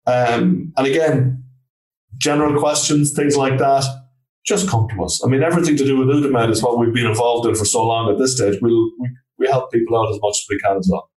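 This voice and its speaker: A man's voice: mid-range voice, fairly even intonation, fairly quick, a little mellow, far from the mic. A man with a west of Ireland accent giving informal, plain-worded answers as an interview guest, in a conversational style. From Galway, Ireland. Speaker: trainer and consultant, interview guest. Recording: roomy, echoing sound.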